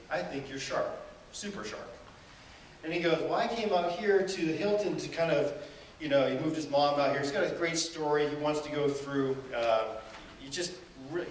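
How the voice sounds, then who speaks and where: A man giving a live seminar talk, telling stories and asking the audience rhetorical questions with lots of energy. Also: a little high. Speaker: motivational speaker. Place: event hall. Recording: echoey room from far off, faint noise.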